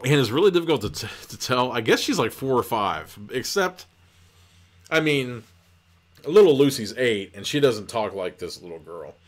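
A man's voice: mid-range voice, lively intonation, moderate pace. A man hosting a book podcast, recapping a novel in a loose, rambling way with lots of swearing and filler words. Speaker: podcast host reviewing books.

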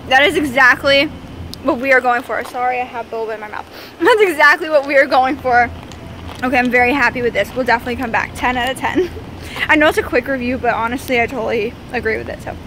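Bubbly high-voiced young woman vlogging. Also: quick pace, slight background noise. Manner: bubbly, excitable, giggly. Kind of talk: casual vlog. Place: walking outdoors, in shops and a car. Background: music.

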